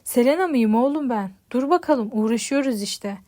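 A woman's voice: on the high side, lively intonation, moderate pace, warm tone, close to an everyday voice. A woman doing an offhand, teasing man. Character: laid-back grown man, mocking lawyer friend.

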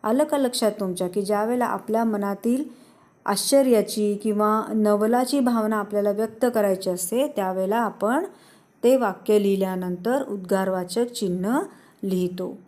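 A woman teacher, patiently explaining a lesson to children and repeating instructions slowly. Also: mid-range voice, darkish tone. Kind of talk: online class lesson for children.

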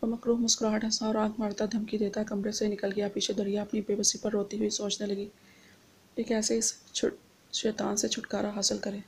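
A woman narrating a romance novel aloud in steady storytelling. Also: mid-range voice, fairly quick, slight background noise.

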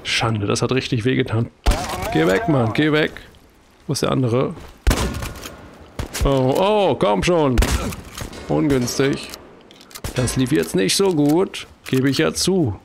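A man's voice: mid-range voice, lively intonation, takes it slowly, vocal fry, pauses often, noisy background. A man with a German accent giving casual commentary as he plays a video game, chatty and talking to himself with jokey exclamations. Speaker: let's play host.

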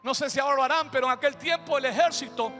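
A male pastor telling a story during a sermon, preaching with shouted bursts and acted sound effects. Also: very high voice, rapid-fire. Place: church. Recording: echoey church hall with music.

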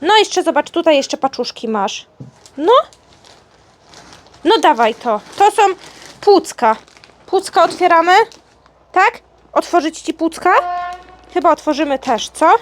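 This dog owner and vlogger has a very high, expressive voice and speaks a bit slowly, pausing often. At home, she unwraps her dog's birthday presents while sweetly coaxing him in playful pet-talk.

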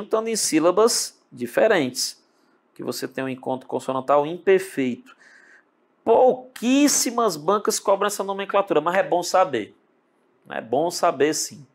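A man with a Brazilian Portuguese accent teaching an online exam-prep lesson, speaking straight to the student and drawing words out slowly as he breaks them down. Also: fairly high pitch. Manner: animated, talks to the student directly with lots of tag questions; drawls words out slowly when spelling them.

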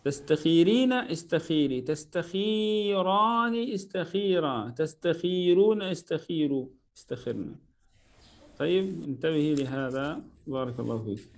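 This man speaks at normal speed in a fairly high, animated voice that's gravelly yet a little mellow. He's going over homework in an online Arabic lesson, drilling verb conjugations patiently form by form and voicing corrections to himself and his student.

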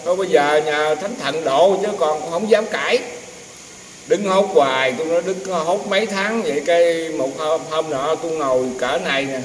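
An older man who works as a temple herbal healer casually tells rambling, folksy stories, acting out other people's lines. His voice sits on the high side at a normal speed, and the recording is echoey, distant, and roomy with faint noise.

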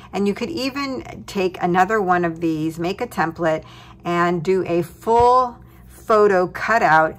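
A woman hosting a craft tutorial, walking through her project at a tabletop desk with cheerful chuckles. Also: lowish voice. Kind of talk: relaxed crafting walkthrough.

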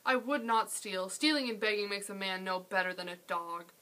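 A woman's voice: a little high, fairly even intonation, fast talker, pushed and bright, pitched above the performer's own voice. A woman reading aloud, voicing a poor young boy who answers respectfully and pleads. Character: poor young beggar boy, humble and proud.

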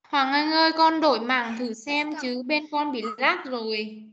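A high-voiced woman teacher leads an online lesson, her tone bright and clear. She patiently coaxes her students and repeats each sound for them to copy. The video call audio is dull and muffled. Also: measured pace. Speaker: English teacher. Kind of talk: online class coaching pronunciation.

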